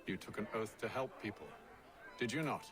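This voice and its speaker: An actor playing a composed male leader who speaks formally and deliberately in a game. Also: fairly low pitch, natural voice. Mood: probing. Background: game music.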